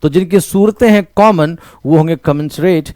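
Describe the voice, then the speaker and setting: A man's voice: a little high, normal speed, a little mellow, dry recording, clean studio sound. A man with an Indian English accent teaching vocabulary, repeating each word and quizzing the listener, mixing Hindi with English phrases. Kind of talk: online vocabulary lesson.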